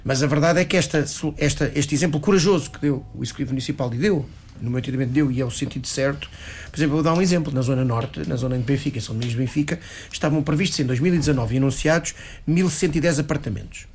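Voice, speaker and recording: On a panel, a local politician with a European Portuguese accent presses his argument fast and insistently, restarting often and repeating words. His voice sits on the high side with a darkish tone, and the recording carries slight background noise.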